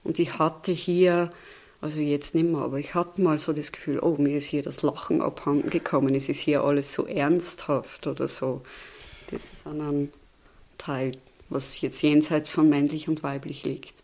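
A woman's voice: low voice, steady tone, normal speed, a little mellow. A woman in her fifties from Austria, speaking with an Austrian dialect that has picked up a Swiss tinge, talking thoughtfully as an interview guest and often ending with "oder?". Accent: Austrian German dialect, slightly Swiss-tinged. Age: 50s. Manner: thoughtful, tags questions with "oder?". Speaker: interview guest, seminar leader. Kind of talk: conversational interview.

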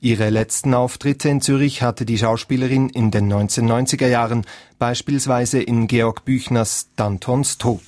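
A man's voice: mid-range voice, fairly even intonation, moderate pace, darkish tone. A man reading a radio news bulletin in a neutral, formal manner. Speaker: newsreader.

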